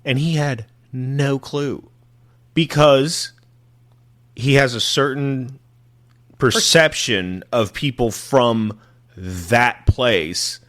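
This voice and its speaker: A man's voice: mid-range voice, very slow, long pauses, fairly bright tone. Podcast co-host, man from Texas, light country twang, blunt and profane, mid-range voice. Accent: slight Texas country twang. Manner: blunt, swears freely, mocks stereotypes. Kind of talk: casual profane chat.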